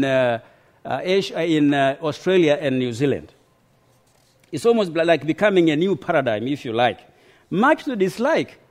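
Measured man giving a lecture. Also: fairly high pitch, a little mellow. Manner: measured and deliberate, with frequent hesitations. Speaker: lecturer, mission historian. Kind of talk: formal lecture.

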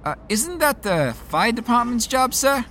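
Give this 1930s beat cop a wildly swooping, bewildered delivery. He is a literal-minded flatfoot in a radio play, with faint noise behind him. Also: extremely high pitch, unhurried, heavily acted. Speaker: police officer.

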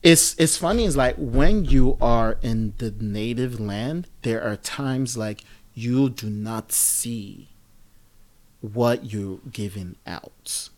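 Slow and mid-range, the voice belongs to a thirty-something Nigerian man who is a guest in a conversation. He speaks casually and reflectively, wandering with many fillers and starting over often.

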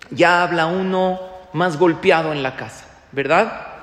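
A man with a Mexican accent, a rabbi giving an animated sermon full of stories and rhetorical questions. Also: on the high side. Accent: Mexican Spanish. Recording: echoey hall with faint noise.

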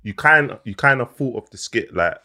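A man's voice: mid-range voice, animated, normal speed, a crowd in the background. A man with a London roadman accent, hosting a podcast in casual, slangy conversation. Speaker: podcast host.

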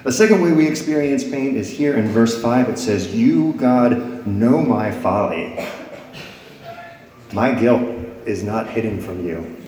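Preaching to a congregation in a church sanctuary, a pastor reads scripture with dramatic rises and falls in his voice. He has a warm, mid-range voice and speaks a little slowly, and the echoey hall adds long reverb.

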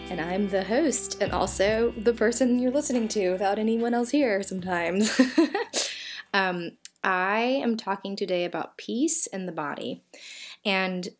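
A woman's voice: mid-range voice, measured pace, soft background music. A woman with a Southern US accent hosting a solo podcast, talking in a chatty, reflective way with frequent fillers and self-corrections. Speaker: podcast host.

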